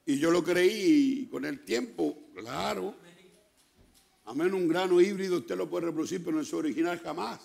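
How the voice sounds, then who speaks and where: A Chilean man preaching a sermon as pastor, emphatic, often repeating words and punctuating them with "amén", building up to shouts. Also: on the high side, moderate pace, gravelly.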